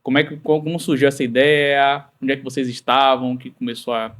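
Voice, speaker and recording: A man hosting a casual podcast interview, relaxed and dotting his questions with tag questions. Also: medium pitch, fairly quick. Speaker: podcast host.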